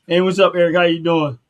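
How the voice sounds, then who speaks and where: A man from Philadelphia hosting a casual talk show and speaking in an earnest, emphatic, preachy way. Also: a little high. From Philadelphia, USA. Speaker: podcast host.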